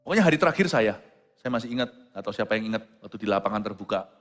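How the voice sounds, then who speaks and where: A man pastor preaching a sermon, who moves between quiet storytelling and loud exclamations and drops English phrases into his talk. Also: on the low side, expressive, racing. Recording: long hall reverb with faint music.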